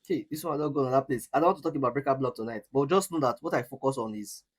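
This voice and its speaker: A man's voice: medium pitch, very fast, husky. A man hosting a live trading lesson, emphatic and repetitive, pressing callers to speak. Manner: emphatic, repeats words, teasing laughs. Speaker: forex trading coach hosting live session.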